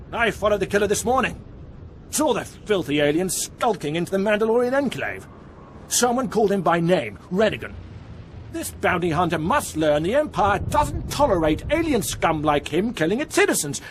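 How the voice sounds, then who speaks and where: A man's voice: high-pitched, slight background noise. A man voicing an indignant male citizen, agitated and ranting as he demands justice.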